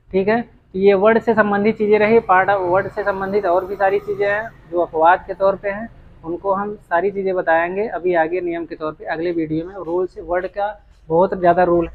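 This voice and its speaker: The sound is phone-quality as a man with a high-pitched voice teaches English grammar at a board. He's patient and repetitive, often beginning a phrase again while writing.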